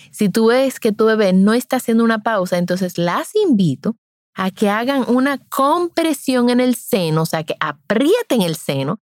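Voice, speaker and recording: Middle-aged woman, lively breastfeeding educator, dry room. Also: mid-range voice, no room sound. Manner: animated, repetitive demonstrations. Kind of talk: informal parenting talk.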